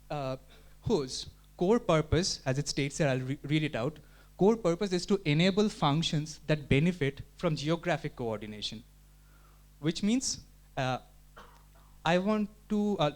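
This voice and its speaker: The same kind of community presenter speaks in a meetup room, explaining things as he thinks aloud, restarting often and leaning on filler words. His slightly high voice has lively intonation and a measured pace.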